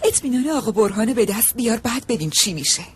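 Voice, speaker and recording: A woman dubbing a sharp-tongued young woman who harshly scolds her younger brother. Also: on the high side, lively intonation, slightly rough. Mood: angry scolding. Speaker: dubbed drama character, elder sister. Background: background score music.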